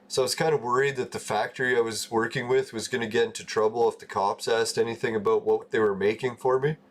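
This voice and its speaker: A man in his forties from Canada, chatting casually and loosely on a gaming livestream, swearing often and laughing at his own stories. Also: medium pitch. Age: 40s. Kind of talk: casual rambling chat.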